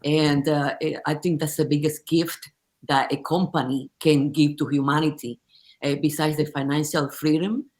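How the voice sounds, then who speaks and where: A woman's voice: sits low, steady tone, moderate pace, darkish tone. Upbeat older woman from the Dominican Republic. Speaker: guest. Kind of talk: casual online chat.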